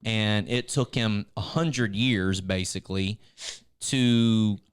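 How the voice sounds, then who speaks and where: Smooth-voiced man chatting casually. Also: on the low side, steady tone, slow. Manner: rambling, frequent restarts, encouraging. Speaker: church staff co-host. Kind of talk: casual church video chat.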